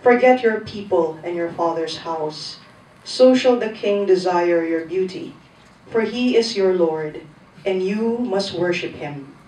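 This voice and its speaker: Slow female lector in echoey church. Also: on the low side, a little mellow. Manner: deliberate, formal recitation. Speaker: lector at Mass. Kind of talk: scripture reading and responsorial psalm. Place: large church interior. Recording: echoey church, distant mic, faint noise.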